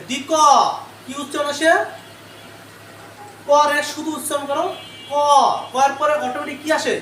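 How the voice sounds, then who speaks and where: A male teacher with an extremely high pitch and fairly bright tone gives a live online grammar lesson, quizzing the class repeatedly before answering himself. Captured on a distant mic, the audio has room echo and faint noise.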